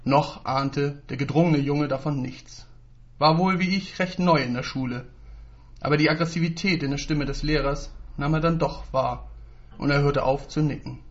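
A man narrating a story in measured storytelling style. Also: a little high, fairly even intonation. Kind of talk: scripted narration. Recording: dull lo-fi recording.

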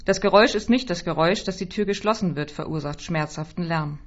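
A woman giving a quiet, measured first-person literary reading, her voice often dropping softly, in a slightly dull recording. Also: fairly low pitch. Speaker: reader.

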